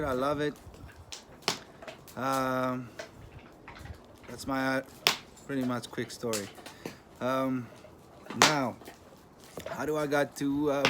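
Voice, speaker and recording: A man in his thirties speaks English with a Greek accent, talking plainly and without hurry to his channel's viewers, with non-native turns of phrase. His voice sits at a middle pitch. The recording carries steady noise and clicking sounds. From Greece. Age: 30s. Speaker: channel host. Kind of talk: casual talk to camera.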